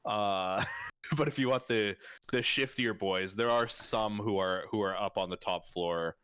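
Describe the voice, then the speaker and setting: A man narrating a tabletop game as game master in a loose, halting, casual way with some swearing. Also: lowish voice, fairly bright tone, clear, resonant tone.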